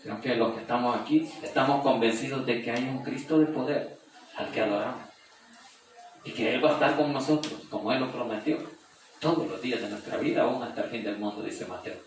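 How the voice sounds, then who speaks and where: A man's voice: mid-range voice, brisk, a little hiss or hum. A man leading a Bible study in a church room. He reads a verse aloud, then retells it in plain everyday speech. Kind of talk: conversational Bible study teaching. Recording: very echoey room, voice far from the mic.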